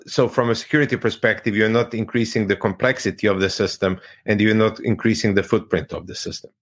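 A man from Croatia, a tech executive giving measured, explanatory interview answers over a video call and sometimes searching for words. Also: fairly low pitch, fairly even intonation.

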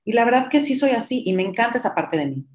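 Fast and a little mellow, this middle-aged podcast host has a slightly high voice with big pitch swings. She shares a personal story in a candid, reflective way, now and then using English words, against a roomy echo.

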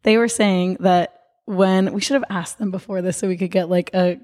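Hoarse woman with laryngitis, giggly. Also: mid-range voice, steady tone, moderate pace, a little mellow. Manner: giggly, casual, says "like" often. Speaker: podcast co-host and Pilates teacher. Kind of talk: casual chat.

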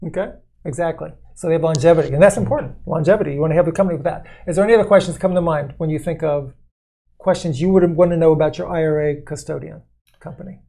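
Mellow-voiced man explaining at an easy pace. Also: on the high side, steady tone, vocal fry. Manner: measured, explanatory, acts out quoted callers. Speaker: podcast co-host explaining investing. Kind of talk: conversational podcast explanation.

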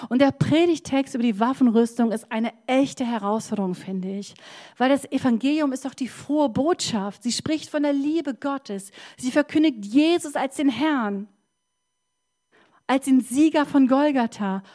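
Fervent woman pastor, slightly high voice. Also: a little slow, warm tone. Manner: passionate, emphatic preaching with personal storytelling. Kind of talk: sermon.

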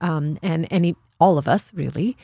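Woman, low pitch, podcast guest, conversational explaining, thoughtful and halting, dry sound. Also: mellow, slightly rough, no echo. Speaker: podcast guest, women's Bible study teacher.

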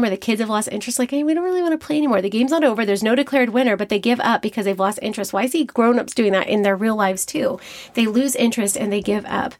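A woman's voice: mid-range voice, a little mellow, no room sound, clean studio sound. A woman in her thirties, hosting a motivational podcast, telling a family story in a chatty, casual way with frequent fillers and laughter. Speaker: podcast host.

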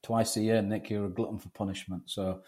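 A man with a fairly low, very mellow voice hosts a podcast interview. His delivery is chatty and informal, moving between introductions and questions. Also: flat delivery, brisk. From North East England. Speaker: podcast host.

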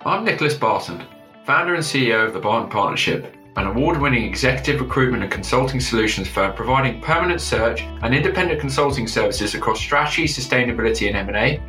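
A man delivering a scripted podcast opening in a brisk, crisp announcer manner. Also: mid-range voice, animated, sharp tone. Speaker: podcast host. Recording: roomy with faint guitar music.

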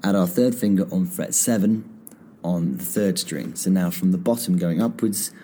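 A low-voiced man teaches guitar in a relaxed, step-by-step manner on his podcast, a casual spoken lesson with guitar played between phrases. He speaks at a moderate pace, sounds a bit croaky after singing, and there is slight background noise.

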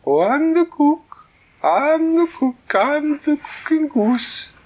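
A man doing a shrill falsetto goose cook. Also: big pitch swings, slow, exaggerated voice. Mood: chirpy. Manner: shrill falsetto, sing-song. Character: fussy high-voiced female goose cook.

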